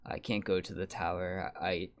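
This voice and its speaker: A man voicing a frail, devout old cleric who speaks gently and humbly, in a slow, soft and halting way. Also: low-pitched, flat delivery, pitched below the performer's own voice. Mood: humble, gentle.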